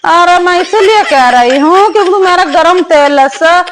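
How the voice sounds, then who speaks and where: Woman putting on an aging mother-in-law, high-pitched, bossy, drawn-out nagging, comic family sketch. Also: background noise. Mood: scolding. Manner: slow, scolding, drawn-out nagging.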